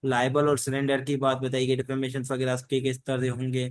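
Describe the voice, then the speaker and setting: A man with a mid-range voice teaches an online law class, speaking in a monotone and a little fast, with no room sound. His lecture is informal and rambling, full of repeated stock phrases, and mixes Hindi-Urdu with English legal terms.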